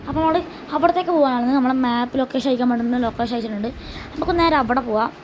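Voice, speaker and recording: High-voiced chatty woman gamer. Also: very fast, a little hiss or hum. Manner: chatty, repeats herself, slangy address to viewers. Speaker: gaming channel host. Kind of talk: casual gameplay commentary.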